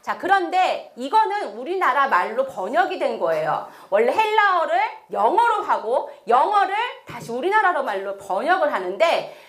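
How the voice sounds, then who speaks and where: A middle-aged woman missionary giving a sermon in a church, animated, telling stories and quizzing the congregation. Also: sits high, moderate pace, hardly any pauses. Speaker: missionary preacher. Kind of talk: sermon with prayer and congregation call-and-response. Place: church sanctuary.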